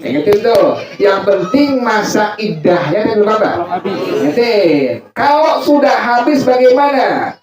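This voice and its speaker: Joking preacher in an echoey hall. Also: male voice, sits high, sing-song, unhurried. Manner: jokey, teasing, asks the crowd to fill in answers. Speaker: Islamic preacher. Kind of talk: joking religious lecture. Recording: echoey hall, far mic, loud crowd laughter. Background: loud crowd laughing.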